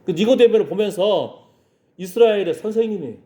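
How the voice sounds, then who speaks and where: High-voiced, mellow-toned male preacher. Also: lively intonation, normal speed. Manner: emphatic, conversational preaching with frequent rhetorical asides. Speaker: pastor. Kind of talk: sermon.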